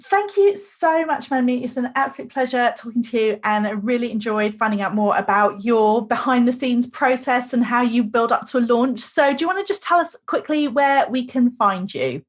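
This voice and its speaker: A woman's voice: a little high, lively intonation, moderate pace, few pauses. A woman hosting a podcast, thanking her guest and reading an upbeat, polished outro. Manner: upbeat, friendly, polished promotional delivery. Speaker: podcast host. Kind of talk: interview hosting and scripted outro.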